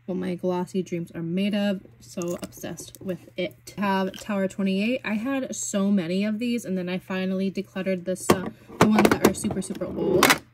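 A young woman vlogging about beauty products in a casual, gushing, chatty way, full of fillers and excitement. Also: medium pitch, normal speed, a little hiss or hum. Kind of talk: casual product swatching chat.

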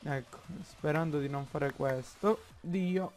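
An Italian man talks his way slowly through a building session in a block game, pausing and filling gaps as he thinks aloud. His voice sits a little high for a man, and faint music plays under him. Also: a little mellow. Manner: slow, halting, thinks aloud with many fillers. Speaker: gaming YouTuber. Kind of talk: Minecraft let's play commentary.

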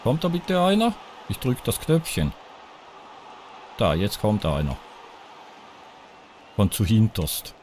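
Excitable man commenting his own football game. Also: lowish voice, slow pace, pauses often, a little hiss or hum. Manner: excitable, groans and cheers at each chance, talks to viewers. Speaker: gaming YouTuber playing a football video game. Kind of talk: live let's-play commentary.

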